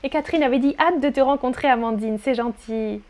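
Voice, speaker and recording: A woman teaching French pronunciation in a live online lesson, articulating slowly and repeating words for learners, and encouraging them as she reads their chat comments. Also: sits high, darkish tone.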